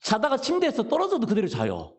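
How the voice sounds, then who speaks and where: A man's voice: extremely high pitch, wildly swooping pitch, fast, darkish tone. A middle-aged man preaching a sermon as pastor, telling humorous stories and asking the congregation questions. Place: church sanctuary.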